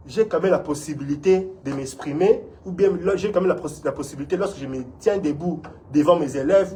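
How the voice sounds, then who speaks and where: An instructor from Congo, his voice a little high and warm in tone, speaks earnestly and encouragingly to the community in an interview. "Vous voyez?" is a question he asks often.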